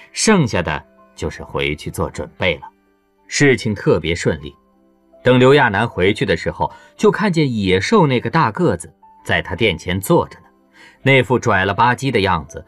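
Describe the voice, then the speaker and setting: A man reading an audiobook novel as its narrator, in a lively storytelling way. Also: lowish voice. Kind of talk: scripted narration.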